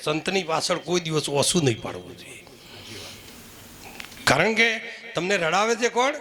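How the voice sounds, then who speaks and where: Man preaching, bright sharp voice, keeps asking the crowd questions, chants bits of verse. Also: a little high, very animated, normal speed. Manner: asks the crowd rhetorical questions; sometimes breaks into chanting verses. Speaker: preacher at a devotional gathering. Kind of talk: devotional sermon with sung verses. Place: village religious gathering.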